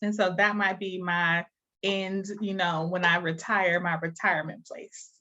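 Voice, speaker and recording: Bright, lively woman guest on lo-fi audio. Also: on the low side, a little slow. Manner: animated storyteller, laughs easily. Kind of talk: casual interview chat.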